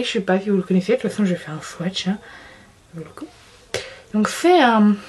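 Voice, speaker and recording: Talking casually about the makeup she loves, this young woman speaks in a mid-range, darkish voice. She's chatty and giggly, frequently restarts sentences and pokes fun at herself.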